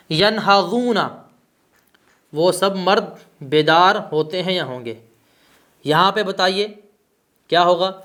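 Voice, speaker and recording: A man's voice: long pauses, a bit bright. A male teacher giving a classroom grammar lesson, asking questions and answering them himself. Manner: stresses terms with rising pitch.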